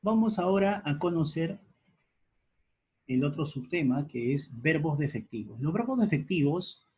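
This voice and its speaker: A man teaching a grammar lesson at a board, spelling out letters and repeating key words deliberately. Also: fairly high pitch, expressive, a little mellow, slightly rough.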